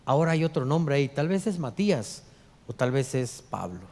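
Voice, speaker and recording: A middle-aged man, a pastor preaching a sermon, dropping to hushed low lines and rising for loud quoted voices. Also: sing-song, moderate pace. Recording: long hall reverb.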